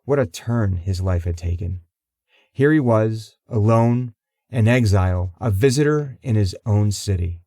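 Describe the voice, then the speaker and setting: A man narrating a crime audiobook in a measured, even storytelling manner. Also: lowish voice, dry recording, studio quality. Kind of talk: scripted narration.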